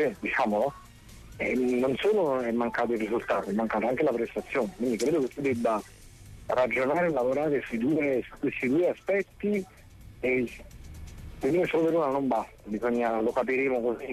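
Over a phone line with spotty reception, a male sports correspondent reports the news, hesitating and repeating words as he reasons it out. His voice is mid-range and slightly rough.

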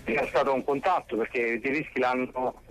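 A man's voice: mid-range voice, steady tone, normal speed, no room sound. A man reporting sports news over a phone line with spotty reception, hesitant and repeating words as he reasons. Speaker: sports correspondent.

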